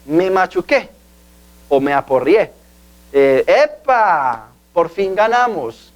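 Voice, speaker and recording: Male tutor, slightly raised pitch, patient and repetitive classroom delivery. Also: animated, a little slow. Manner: patient, repeats key words and asks "¿sí?". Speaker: language teacher. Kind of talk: video language lesson.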